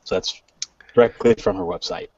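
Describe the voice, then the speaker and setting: A man with a gravelly, creaky voice co-hosts a casual podcast, stumbling and repeating words as he starts his points. His sound is dry and slightly muffled, like call audio. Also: on the low side, huge pitch swings, moderate pace, dry recording. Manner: repeats words as he starts, reads a bio aloud. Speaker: podcast co-host. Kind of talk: casual panel chat.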